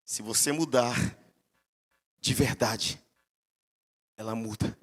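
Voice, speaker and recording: A Brazilian man voicing God, speaking gently to a man in a calm, fatherly tone. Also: mid-range voice, slow, big-room sound, pitched below the performer's own voice. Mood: gentle.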